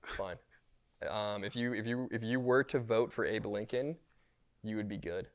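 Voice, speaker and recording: A young man co-hosting a podcast, rambling through deadpan jokes in casual chat and swearing often. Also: fairly low pitch, moderate pace. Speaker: podcast co-host.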